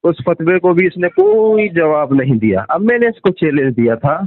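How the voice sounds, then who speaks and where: A man's voice: on the high side, expressive, dry recording. A man in a heated phone argument as a religious debater, defiant and rebutting his rival's claims point by point. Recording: tinny phone line.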